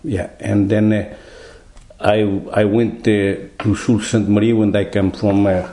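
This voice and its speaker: An older man from Portugal with a Portuguese accent, telling his story in an interview in halting, broken English with many repeated words. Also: on the low side, little pitch movement, dark tone, reverberant, slight background noise, low-quality recording. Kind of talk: oral history interview.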